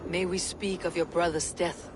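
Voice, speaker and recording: A woman's voice: fairly low pitch, flat delivery, normal speed, over music, natural voice. An actress playing a direct, terse Viking warrior woman questioning people in a video game. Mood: firm. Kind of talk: video game character acting.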